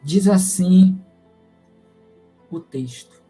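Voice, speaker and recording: A man from Salvador, Bahia, giving a spiritist lecture and leading a prayer in a slow, solemn, measured way. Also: sits high, dark tone, slightly rough, faint music behind, low-quality recording. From Salvador, Bahia, Brazil. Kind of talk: devotional lecture and prayer in a live stream.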